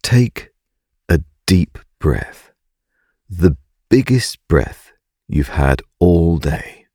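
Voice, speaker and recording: A man narrating a scripted guided meditation in a calm, gentle, soothing and unhurried way. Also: low-pitched, slightly rough, no echo, studio quality.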